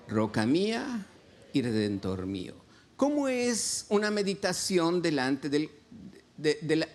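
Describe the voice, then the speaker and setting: A man, a pastor preaching a sermon and asking his congregation questions. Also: on the high side. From Mexico. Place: church.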